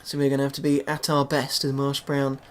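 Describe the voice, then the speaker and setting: A man commentating over his own football video game, calm and low between plays and bursting into loud excitement at goals. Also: brisk, a little hiss or hum. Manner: excitable, shouts goals then drops to a low murmur. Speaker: gaming YouTuber.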